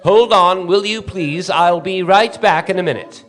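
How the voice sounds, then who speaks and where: Actor as urgent, high-pitched male radio field reporter. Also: a little slow, fairly bright tone. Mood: horrified fascination. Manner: breathless, urgent, dramatic eyewitness narration. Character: frantic male radio field reporter, awestruck then terrified. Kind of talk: 1930s radio drama reporting.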